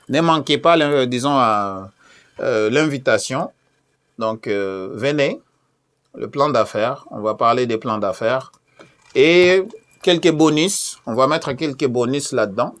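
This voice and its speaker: Man from Congo, event host, halting filler-heavy promo delivery, repeats himself. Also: medium pitch, a bit bright. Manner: many fillers and repeated phrases; hesitant, repeats key questions. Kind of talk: casual promotional talk with screen share.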